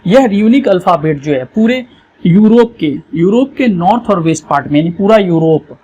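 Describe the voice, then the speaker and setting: A teacher, giving an exam revision lesson over a map, explaining slowly and often checking that students follow. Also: medium pitch, animated, dark tone, dull audio, a little hiss or hum.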